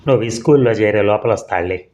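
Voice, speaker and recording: A patient young mother who answers her son softly and reassuringly, read by a man. The voice stays low. The audio is muffled and lo-fi. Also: fast talker, natural voice. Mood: gentle. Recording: dull lo-fi audio.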